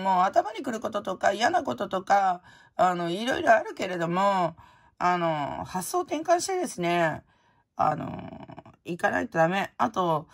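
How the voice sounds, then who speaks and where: A woman's voice: mid-range voice, creaky, slightly rough. A woman vlogger chatting casually and frankly as she opens prizes, rambling from topic to topic. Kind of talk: casual chat while opening prizes.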